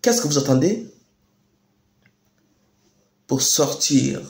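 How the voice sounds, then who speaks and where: A young man speaks in an echoey space with a Chadian French accent. He delivers a rousing political address, deliberate and emphatic. He leans on repetition and rhetorical questions to drive his words home. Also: medium pitch, expressive, creaky, darkish tone. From Chad. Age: young adult. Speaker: youth activist speaker. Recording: echoey room sound.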